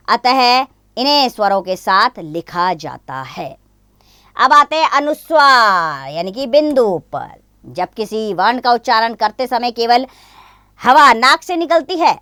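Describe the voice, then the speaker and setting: A woman teaches young children, walking patiently through example after example. Her voice is smooth and clear and a little high. The sound is dry and close, with no room echo. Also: fairly bright tone. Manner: slow, patient explaining with examples. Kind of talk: grammar lesson for children.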